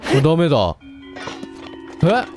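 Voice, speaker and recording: A man giving casual, excitable let's-play commentary, often reading game lines aloud, with game music behind him. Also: on the high side, measured pace. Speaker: game streamer. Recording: game music playing under voice.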